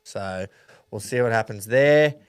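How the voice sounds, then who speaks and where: A man's voice: lowish voice, a little slow, clean tone. An Australian man co-hosting a podcast in casual, blokey sports banter, with slang and swearing. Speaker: podcast co-host.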